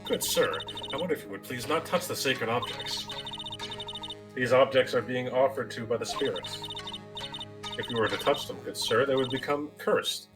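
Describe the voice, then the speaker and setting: A man's voice: medium pitch, normal speed, over music, natural voice. A man reading as a prim, stiffly polite temple attendant.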